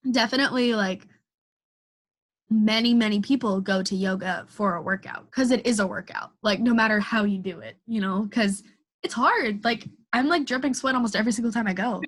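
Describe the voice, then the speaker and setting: A woman's voice: fairly high pitch, normal speed. Young woman, casual chat, rambling filler-heavy delivery, dancer.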